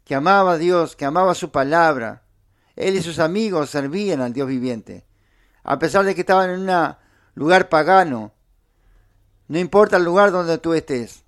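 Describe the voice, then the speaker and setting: A man's voice: on the high side, moderate pace. A man preaching a sermon, emphatic and repetitive, drawing out key phrases.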